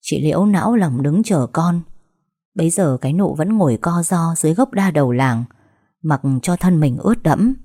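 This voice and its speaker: Woman, young adult, storyteller, dramatized audiobook reading, lowish pitch, mellow dark tone, acts out quarrels with raised pitch. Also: expressive, normal speed.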